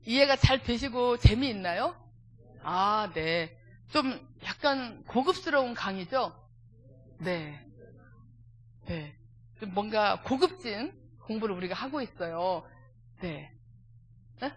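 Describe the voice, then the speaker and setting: A woman's voice: mid-range voice, takes it slowly, long pauses, a little hiss or hum. A woman leading a church family seminar, speaking with animation and checking in with the congregation with direct questions. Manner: animated, acts out everyday dialogues.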